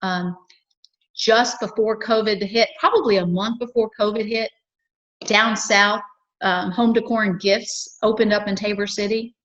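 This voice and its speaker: A woman's voice: medium pitch, fairly even intonation, measured pace, fairly bright tone, highs cut off. A woman from a chamber of commerce, talking earnestly and cheerfully in a local cable TV interview, with lots of fillers and restarts.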